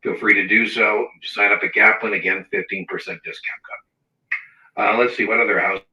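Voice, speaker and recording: A man hosting a live exam-prep Q&A, chatty and repeating words for emphasis, heard through tinny, low-quality audio that cuts in and out. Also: fairly even intonation, a little fast, pushed and bright. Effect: tinny, low-quality audio cutting in and out. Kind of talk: casual livestream talk. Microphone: wrong mic across the room. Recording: tinny, roomy sound from a mic far off.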